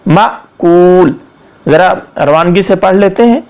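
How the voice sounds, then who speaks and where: A man teaching Quran recitation, drilling slow chanted verses word by word and correcting common mispronunciations. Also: a little high, a little mellow, smooth.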